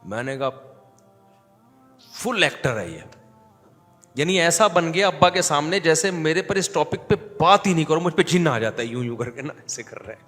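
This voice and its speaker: A male religious scholar telling stories in a sermon, animated and joking. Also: on the high side, long pauses, long reverb tail, soft background music. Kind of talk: sermon storytelling.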